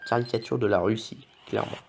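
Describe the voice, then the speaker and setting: A man giving live commentary on his game pulls in an excitable, joking way, often swearing and talking straight to his viewers. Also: lowish voice, fast. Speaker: gaming video host. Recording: clear background noise.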